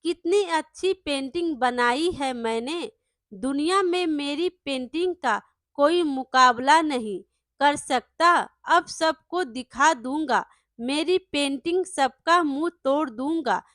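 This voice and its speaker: A shouting, boastful male landlord in a storybook, as a woman puts him on. He scolds and brags at full volume in a high, unhurried voice. The sound is dry and close. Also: no room sound. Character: arrogant shouting male landlord painter, middle-aged.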